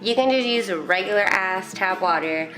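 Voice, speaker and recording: A woman with a stuffed-up, nasal voice from a cold talks through a home how-to at a comfortable middle pitch. Her delivery is loose and meandering, full of casual fillers. Music plays clearly in the background. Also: expressive, moderate pace. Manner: chatty and rambling, heavy on "like" and "um". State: congested with a head cold. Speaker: herbalist vlogger.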